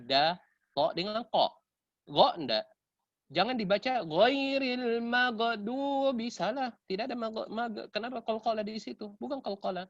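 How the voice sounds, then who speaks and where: Ustaz pria bersuara cerah, mengajar tajwid. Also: male voice, high-pitched, a bit bright, no room sound, dull audio. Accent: Indonesian. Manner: corrective, demonstrates right and wrong recitation. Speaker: Quran recitation teacher. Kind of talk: tajwid lesson with recited examples.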